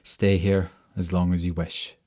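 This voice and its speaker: Storybook chieftain, man, kind and generous, gentle, voiced by the narrator, low, husky, even. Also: a little slow.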